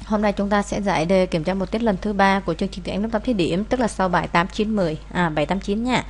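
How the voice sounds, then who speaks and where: A woman's voice: medium pitch, fast talker, a little hiss or hum. A woman, teaching as she explains answers to an English test, with many "à" fillers. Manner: frequent "à" fillers, steady explaining.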